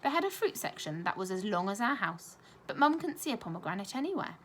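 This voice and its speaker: A woman reads a children's story aloud the way a primary school teacher would, expressive and clearly paced. Her voice is medium-pitched and quick. There's slight background noise.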